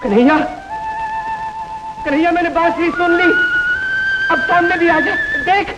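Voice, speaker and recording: A hot-headed young village man, high and lively, muffled old film sound. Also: measured pace, over loud music. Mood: pleading. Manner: fiery, challenging, pleading. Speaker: film lead. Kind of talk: 1950s film acting. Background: film score.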